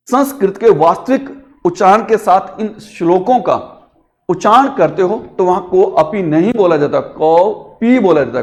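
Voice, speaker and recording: A man teaches a grammar class in a high, bright voice. He draws syllables out long to show how they sound, calls words out as if across a distance, and asks his students questions along the way. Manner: speaks to students directly, asking questions.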